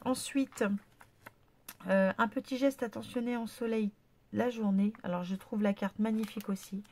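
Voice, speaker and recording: Woman vlogger with a cold-stuffed nose and a creaky, gravelly tone, chatty and full of praise. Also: fairly high pitch, fairly even intonation, moderate pace, dark tone. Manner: gushing, chatty, lots of fillers. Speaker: scrapbooking vlogger. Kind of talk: casual unboxing chat.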